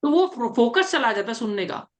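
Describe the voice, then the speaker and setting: Chatty higher-voiced woman coach. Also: lively intonation, normal speed. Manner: chatty, repetitive reassurance, mixes English terms into speech. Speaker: interview coach. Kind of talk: casual coaching talk.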